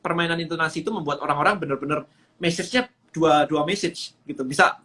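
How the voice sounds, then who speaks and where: A man's voice: a little high, fast, sharp tone. A man coaching on business during a phone livestream, explaining steps and mixing in English phrases. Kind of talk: Instagram livestream talk.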